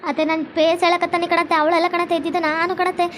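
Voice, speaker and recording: Lady doing a sneaky maid, fast high voice, always accusing someone. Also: flat delivery, a bit bright, a little hiss or hum. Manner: accusing, pleading and conniving. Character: scheming, quarrelsome young housemaid.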